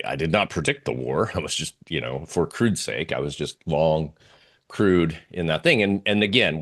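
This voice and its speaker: With a bass voice that's a bit bright, a man works through charts as a guest oil trader in an interview. His presentation is casual and hesitant, as if he's thinking aloud.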